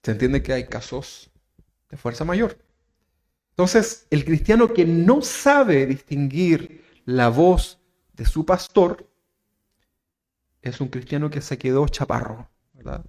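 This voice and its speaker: A man with a Chilean accent preaching a sermon as pastor, asking his listeners questions and tagging lines with "¿verdad?", swinging from loud emphatic phrases to soft asides. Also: fairly high pitch, animated, takes it slowly, pauses often. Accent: Chilean Spanish. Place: church.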